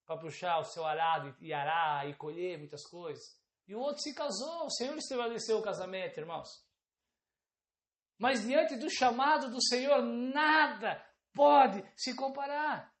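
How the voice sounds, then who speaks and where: A woman's voice: fairly high pitch, moderate pace, roomy sound. A woman preacher delivering an emphatic sermon, often calling out rhetorical questions to the congregation.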